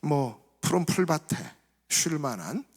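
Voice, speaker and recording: A male pastor giving a sermon in a reflective, soft-spoken way, his phrases trailing off quieter. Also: a little high, sing-song, measured pace. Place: church sanctuary. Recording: reverberant church hall.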